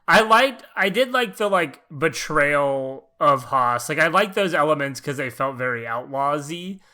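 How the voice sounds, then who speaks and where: A man co-hosting a podcast in casual chat, animated and exclamatory, piling up words when excited. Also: on the high side, measured pace. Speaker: podcast co-host.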